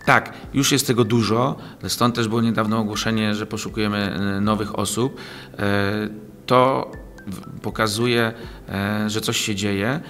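A man's voice: on the low side, level tone, unhurried, fairly bright tone, faint music behind. A man in his forties, a guest in an interview, answering at length with many fillers and restarts, recorded on a desk mic in a small office studio. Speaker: league president, guest. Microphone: desk mic on boom arm.

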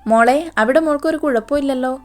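A woman voicing a caring middle-aged mother who speaks gently and soothingly. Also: high voice, fast, soft background music, lightly acted. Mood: gentle.

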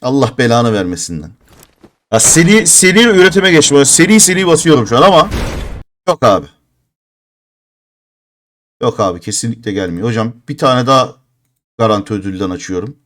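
A man's voice: mid-range voice, very animated, moderate pace, long pauses, fairly bright tone. Thirties guy streaming a phone game, fed up and cursing, voice swings way up and down. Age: 30s. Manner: frustrated, exasperated, swearing in bursts. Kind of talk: live game stream commentary.

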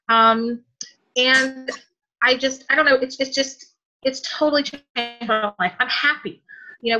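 A woman's voice: fairly high pitch, bright, forceful tone, dull audio. A woman in her forties telling a personal story, emotional and hesitant, with many ums and restarts. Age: 40s. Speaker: guest sharing a testimonial. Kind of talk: personal story told on a call.

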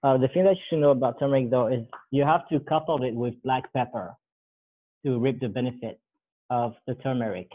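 A man in his thirties, speaking fairly quickly in a mid-range voice, is the guest on a casual cooking demo. He rambles through the recipe in a relaxed way, fixing his own words as he works with his hands. The room is large, bare, and indoors with a counter, and the sound is thin like a phone call.

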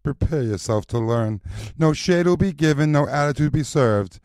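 A man performing recorded voice lines as a sassy, confident drag mother teaching a class, in a slow rhythmic chant with sultry stretched endings. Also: a little high, lively intonation, a little mellow, no room sound, voice pushed up.

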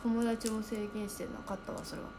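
Chatty young woman streamer, high voice. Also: a little fast, background noise. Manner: chatty, lively, thinks aloud and reacts to comments. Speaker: idol livestreamer reading viewer comments. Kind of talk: casual livestream chat.

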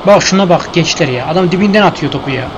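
A young man talks through a football video game live, frustrated and grumbling at every missed chance. His voice sits high, and a steady noise hums underneath the recording. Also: fast talker, highs cut off. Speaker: gameplay streamer. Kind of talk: live gameplay commentary.

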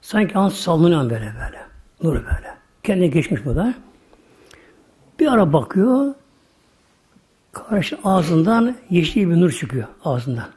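Older guy preacher telling a story, kinda high voice but mellow, folksy, lots of hushed bits. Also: very animated, moderate pace. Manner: folksy storyteller, repeats "böyle" often, drops to hushed asides. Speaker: religious teacher. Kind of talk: sermon storytelling.

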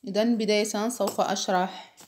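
A woman teacher giving a slow, patient spelling lesson to children, repeating words carefully and checking that they understand. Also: medium pitch, steady tone, a little mellow. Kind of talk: slow classroom explanation for children.

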